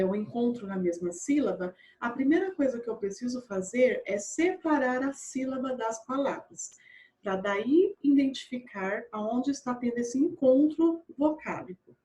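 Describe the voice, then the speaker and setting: A woman teaching a primary school grammar lesson online, patient. She repeats and spells out words slowly and often checks in with her pupils. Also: on the high side, dark tone.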